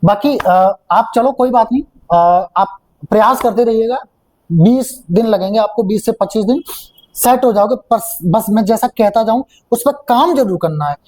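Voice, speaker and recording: A man's voice: high-pitched, normal speed, a little mellow, rough recording. A man coaching students for an interview, explaining step by step and checking in often. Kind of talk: classroom coaching talk.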